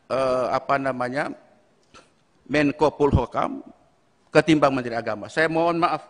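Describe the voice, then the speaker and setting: A man on a parliamentary committee, making measured, critical, formal remarks. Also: on the high side, a bit bright. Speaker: committee member. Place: large parliamentary meeting room. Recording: long reverb in a hearing chamber.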